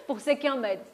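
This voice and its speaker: A woman leading a workshop talk, explaining a technique step by step and often checking with "d'accord?". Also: high voice. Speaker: workshop speaker on stress. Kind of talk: live talk demonstrating tapping technique. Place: lecture room with audience.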